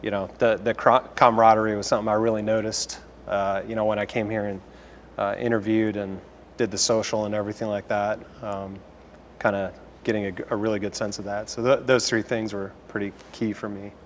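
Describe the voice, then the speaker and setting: A young man from Chicago, an orthopedic resident on a panel, speaking haltingly with many restarts. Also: fairly low pitch, flat delivery, slight background noise. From Chicago, Illinois. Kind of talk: panel discussion. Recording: room with long reverb.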